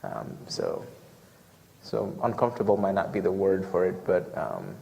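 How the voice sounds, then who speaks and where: A man with a Ghanaian accent sharing a personal testimony in a church, earnest and halting, with many restarts. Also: low voice, big pitch swings, gravelly, mellow, long reverb tail. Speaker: church member giving a mission trip report. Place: church hall.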